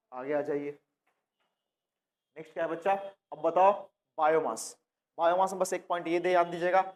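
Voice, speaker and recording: A man from India teaching a coaching-class biology lesson, repeating key terms and asking the class questions that he then answers himself. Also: high-pitched. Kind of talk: classroom lecture.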